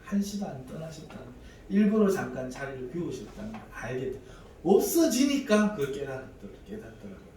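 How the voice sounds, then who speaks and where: A man's voice: mid-range voice, big pitch swings, fairly quick, hardly any pauses, mellow, slight background noise. A man, preaching a sermon and telling a personal testimony with dramatic, acted-out prayers. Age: 40s. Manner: dramatic storytelling, acting out prayers and quoted voices. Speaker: pastor. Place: church sanctuary. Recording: echoey church hall, mic at a distance, faint room ambience.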